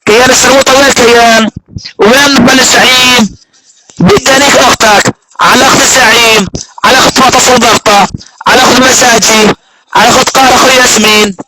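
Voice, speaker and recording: Brief: high-voiced, rapid-fire Levantine man taunting over a phone chat app, with loud noise behind him. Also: fairly even intonation. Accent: Levantine Arabic. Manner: repetitive, jeering, hurls abuse. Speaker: voice-chat room participant. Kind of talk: taunting insult rant. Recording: heavy background noise.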